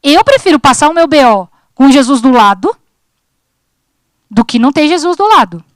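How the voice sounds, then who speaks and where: A woman's voice: high voice, very animated, moderate pace. Chatty woman preaching a sermon. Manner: chatty and joking, acts out her talks with God. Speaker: preacher at a church youth service. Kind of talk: informal sermon. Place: church service.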